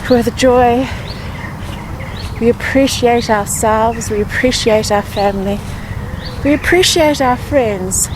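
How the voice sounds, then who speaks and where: Slow-speaking woman guiding a grounding meditation. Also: on the high side, noisy background. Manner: slow, pausing grounding-exercise delivery with repeated affirmations. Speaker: meditation guide. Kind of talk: guided grounding meditation with positive affirmations.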